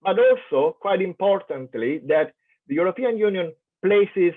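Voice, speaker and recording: Expressive and measured, a man's voice sits high as he delivers an academic keynote with an Italian accent; he is from Italy. He's thoughtful, pausing with lots of fillers and restarts. Heard over an online conference call, the audio is thin and phone-like.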